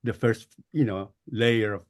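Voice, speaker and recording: A man with a Filipino accent gives an explanatory talk as a guest speaker, often pausing and repeating words. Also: fairly low pitch, fairly even intonation, a little hiss or hum. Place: online group call.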